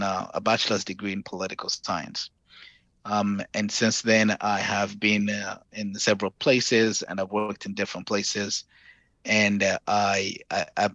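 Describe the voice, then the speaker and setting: A man's voice: fairly low pitch, fairly bright tone, no echo, dull audio. A man in his thirties from Zambia, with a Zambian accent, speaking earnestly and carefully as a guest over a video call. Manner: earnest, measured, hesitant with fillers. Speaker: podcast guest.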